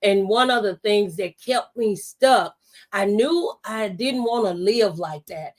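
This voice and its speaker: A middle-aged woman, speaking slowly at a medium pitch, delivers a motivational faith testimony as a talk show panelist. She exhorts her listeners emphatically, repeating phrases for effect.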